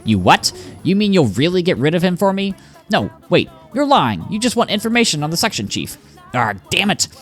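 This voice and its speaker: A man's voice: high voice, sing-song, brisk, a bit bright, soft background music, voice pushed up, full character voice. A man voicing a put-upon male robot clerk who whines and grumbles about his boss, reading game dialogue aloud. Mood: whiny. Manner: whiny, complaining.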